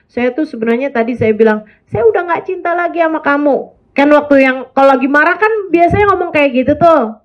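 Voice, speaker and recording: A woman's voice: sits high, muffled recording. A woman in her forties from Indonesia, giving a religious talk to women and telling stories in which she acts out the voices of the people she quotes. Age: 40s. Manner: animated storytelling, acting out quoted voices. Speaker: preacher.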